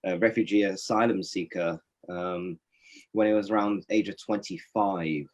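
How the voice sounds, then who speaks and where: A man's voice: sits low, fairly even intonation, normal speed, lo-fi sound. A man from Norway, a poet and interview guest, giving thoughtful, reflective answers with many fillers and restarts on a webinar call. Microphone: webinar video call.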